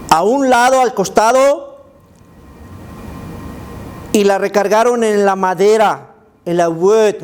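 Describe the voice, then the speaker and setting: A male children's pastor leads a Bible story lesson for kids. His voice sits high and his pace is unhurried. He tells it with emphatic energy and mixes stray English words into his Spanish. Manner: animated and emphatic, inviting listeners to imagine.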